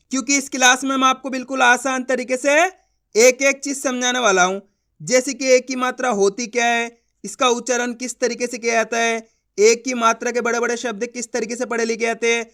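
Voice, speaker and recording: Man slowly sounding out syllables. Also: very high voice, pushed and bright. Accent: Hindi. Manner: drawn-out, stressed syllables when sounding out words; repeats rhetorical questions to the viewer. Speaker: Hindi reading teacher. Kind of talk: step-by-step reading lesson.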